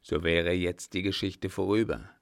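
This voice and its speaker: A man voicing a scheming army captain in a spoken storybook, talking tense and hushed. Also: sits low, fairly even intonation, normal speed, gravelly.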